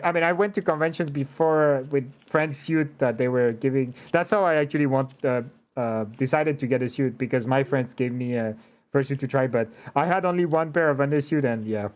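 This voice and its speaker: A man hosting a casual conversational interview, talking in an animated but hesitant way with slightly unidiomatic phrasing. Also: mid-range voice, a little fast. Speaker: interview show host.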